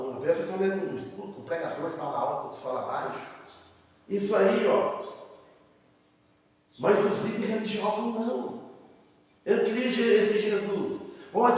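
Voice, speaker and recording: A man preaches a sermon from the pulpit in a fairly high voice. He talks plainly to the congregation as brothers and often breaks off and restarts his words. He sounds distant from the mic, and the church hall around him echoes heavily. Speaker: pastor. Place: church sanctuary.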